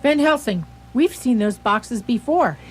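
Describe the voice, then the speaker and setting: A woman playing a brisk, authoritative asylum doctor in a radio drama, resolute and emphatic. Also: a little high, lively intonation, slight background noise. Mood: urgent.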